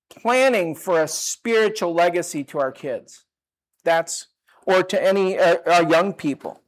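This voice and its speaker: An older man giving a sermon, talking in a relaxed conversational way with asides and restarts. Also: fairly high pitch. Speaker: pastor.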